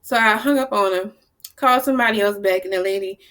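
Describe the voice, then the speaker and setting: A woman talking casually to camera, telling stories in a lively, blunt way and acting out the people she quotes. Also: mid-range voice, fast talker. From New Orleans, US South. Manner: animated storyteller, acts out quoted people, blunt and salty. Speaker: vlogger.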